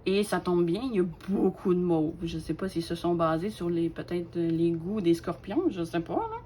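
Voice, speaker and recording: A woman, casually showing off her craft collection, chatty and hesitant with lots of fillers and soft laughs. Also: fairly low pitch, animated, normal speed, a little hiss or hum. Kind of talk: casual show-and-tell.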